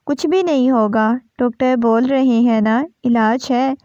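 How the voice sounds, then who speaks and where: A woman's voice: a little high, warm tone, smooth, no echo, lightly acted. A woman voicing a tender, protective young husband who speaks in a soothing, reassuring way in a storybook reading. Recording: dull, dry lo-fi recording.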